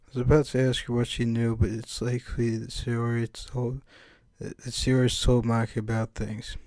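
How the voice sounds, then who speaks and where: A man's voice: mid-range voice, level tone, a little fast, a little mellow, no room sound. A young American man reading a visual novel aloud with jokey, rambling asides. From United States. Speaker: let's player.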